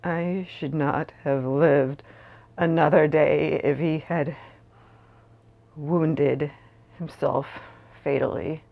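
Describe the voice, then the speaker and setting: A woman playing a weary, lovelorn young woman in a searching, halting dramatic stage monologue, with a creaky voice. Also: low voice, steady tone, narrow, tinny audio, full character voice. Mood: bitter, confessional. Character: Masha, lovelorn weary young woman drinking away heartache.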